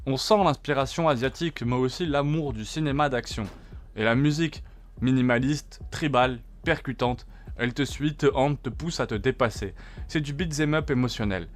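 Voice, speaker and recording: A man's voice: mid-range voice, normal speed. A man narrating a scripted video game review in punchy short phrases and rhetorical questions. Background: faint background music.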